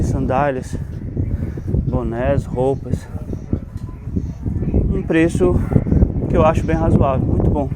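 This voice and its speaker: A man casually narrating a travel vlog while walking around outside, chatting to his viewers like a tour guide. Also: a little high. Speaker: travel vlogger. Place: outdoors at a hilltop statue and cable car, city. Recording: loud outdoor noise and wind.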